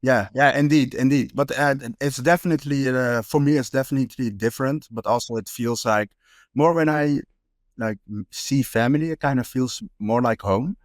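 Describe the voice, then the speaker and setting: A young Dutch street photographer chats casually as an interview guest, using lots of fillers and restarts. He has a mid-range voice at normal speed. The sound is clean studio audio with no echo.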